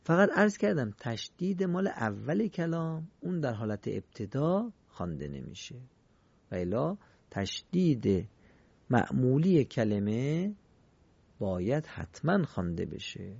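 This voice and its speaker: A man teaching Quran recitation in a recorded lesson, explaining rules politely and chanting example words slowly and clearly. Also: mid-range voice, big pitch swings, a little mellow, no echo, highs cut off. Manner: polite, formal teaching phrases.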